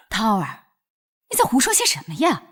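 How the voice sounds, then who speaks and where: Brief: worried, scolding lady of the house in a TV drama, very expressive. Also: fairly high pitch, slow pace, heavily acted. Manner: fretful and scolding. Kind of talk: TV drama acting.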